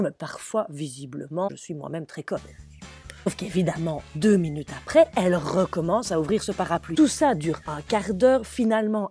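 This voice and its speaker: Woman comedian, forties, husky and animated, exasperated comic storytelling. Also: fairly low pitch, no room sound. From Belgium. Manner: animated storytelling, swings between deadpan and exasperated. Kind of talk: comic monologue.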